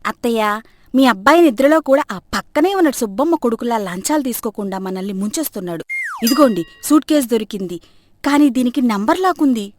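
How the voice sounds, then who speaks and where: A woman voicing a flustered young daughter-in-law who talks loudly and excitedly. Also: on the high side, brisk.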